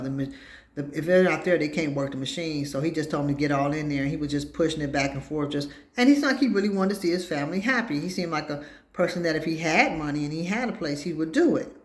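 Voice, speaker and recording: A woman hosting her own talk show, telling rambling stories in casual chat and acting out what people said. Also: low voice. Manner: chatty storyteller, acts out quoted dialogue.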